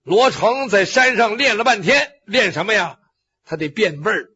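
A man's voice: high-pitched, expressive, normal speed, pushed and bright, breathy edge. A man telling a traditional Chinese story vividly, with spoken sound effects and acted cries. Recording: dull lo-fi recording.

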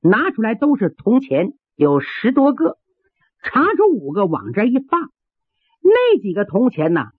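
A man telling a traditional Chinese story in a dramatic, animated way, with vivid sound words. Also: high voice, measured pace, slightly rough, dry recording. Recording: tinny phone-like sound, dry.

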